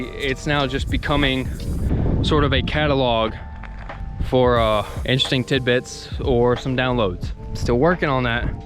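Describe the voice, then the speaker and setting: A man talking casually and unscripted to his viewers while jogging, exerting himself as he speaks. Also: medium pitch. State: exerting, working up a sweat. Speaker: video creator vlogging about the channel. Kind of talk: casual unscripted vlog monologue. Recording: music behind the voice.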